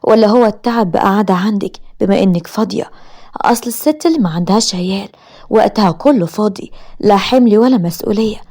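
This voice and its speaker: A woman's voice: mid-range voice, mellow, natural voice. A woman doing a spiteful sister-in-law, Magda. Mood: taunting. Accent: Egyptian Arabic. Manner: taunting, scornful. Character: sharp-tongued spiteful woman, husband's sister. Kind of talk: storybook narration.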